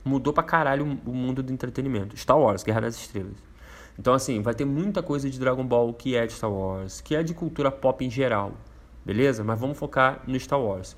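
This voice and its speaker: Male host, Brazilian Portuguese accent, casual slangy explainer, mid-pitched and easygoing. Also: a little fast. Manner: laid-back, slangy, rambling with fillers.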